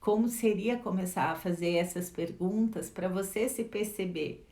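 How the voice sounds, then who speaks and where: In an echoey room, a middle-aged Brazilian woman who works as a life educator speaks reflectively in a Brazilian Portuguese accent, asking rhetorical questions and often adding tag questions. Her voice is mid-range and mellow at a normal speed.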